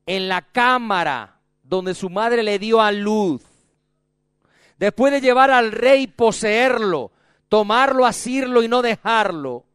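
A man's voice: sits high, a bit bright, smooth, dry recording, clean studio sound. A man preaching a sermon with emphatic, repetitive, dramatic delivery.

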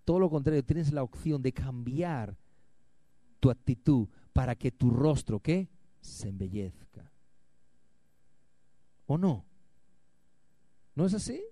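A male pastor preaching a sermon to his church, firing rhetorical questions at the congregation and swinging from loud, emphatic lines to quiet ones. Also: mid-range voice, expressive, measured pace, pauses often, no room sound.

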